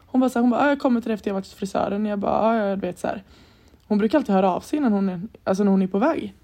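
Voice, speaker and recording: A woman's voice: medium pitch, mellow. A young woman from Sweden co-hosting a podcast, telling a story in casual chat and acting out the lines she quotes. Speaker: podcast co-host.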